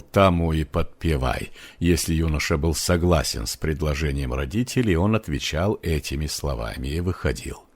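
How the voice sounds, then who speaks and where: Чтец-мужчина, низкий тембр, неспешное размеренное чтение нон-фикшн. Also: male voice, sits low. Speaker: audiobook narrator. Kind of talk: reading aloud.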